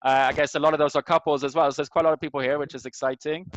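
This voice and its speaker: Speaking rapid-fire in a fairly high voice with little rise and fall, this host is a middle-aged man from Sweden leading an informal online group gathering. He searches for words while greeting and introducing participants; the video call mic yields dull, lo-fi audio with slight background noise.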